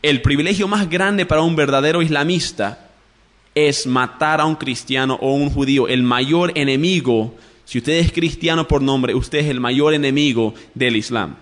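A man with a slightly raised voice teaches in the manner of a religious radio program. He talks straight to his listeners and slows down to spell out key words letter by letter. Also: a little high, fairly bright tone. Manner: addresses listeners directly. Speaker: radio preacher.

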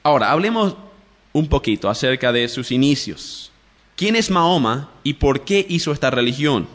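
A man's voice: mid-range voice, lively intonation, normal speed, a bit bright. A man giving a religious radio teaching in a didactic way, addressing listeners directly and spelling out words letter by letter. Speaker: radio preacher.

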